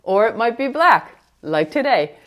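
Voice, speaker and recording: A woman's voice: a little high, very animated, measured pace. A middle-aged woman beauty vlogger chatting casually, her speech muffled by a face mask. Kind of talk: casual get-ready-with-me chat.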